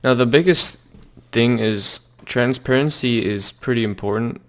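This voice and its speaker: A young man casually walking through a software tutorial, loose and halting with lots of fillers and restarts. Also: mid-range voice. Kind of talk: casual screen-recorded tutorial.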